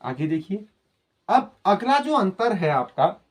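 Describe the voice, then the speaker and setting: A male teacher giving a slow, careful lesson. His pitch rises and falls a lot as he stresses each word. He talks to his viewers as children and keeps repeating things patiently. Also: big pitch swings. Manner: slow, explaining patiently to students, repeating words. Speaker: Hindi teacher. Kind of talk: spoken grammar lesson.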